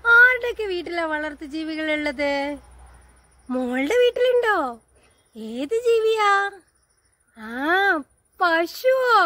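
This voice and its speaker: Sing-song high-voiced woman teacher. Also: fairly bright tone, no echo. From Kerala, India. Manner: slow, sing-song, coaxing questions to children. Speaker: special-needs teacher. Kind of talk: online class for young children.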